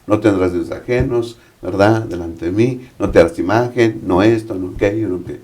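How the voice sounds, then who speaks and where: Hombre mexicano de voz algo grave que explica. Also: male voice, on the low side, normal speed, mellow. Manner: explanatory, asks rhetorical questions. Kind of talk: Bible study panel discussion.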